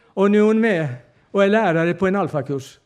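A man's voice: high voice, darkish tone, smooth. An older man preaching a storytelling sermon, retelling conversations and often turning to the audience.

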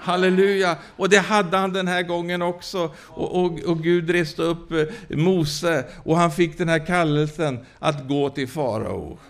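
A male preacher with a somewhat high voice delivers a sermon mixed with his own testimony. He stops and restarts often, fills gaps with hesitant sounds, and calls out hallelujah between points. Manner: halting, with many fillers and restarts, exclaiming "hallelujah".

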